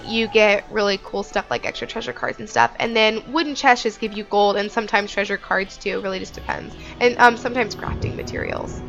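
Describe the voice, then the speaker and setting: A woman's voice: medium pitch, a bit bright, dull audio. A woman hosting a casual game walkthrough on a headset mic, chatty and informal, thinking aloud as she goes. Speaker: gaming video host.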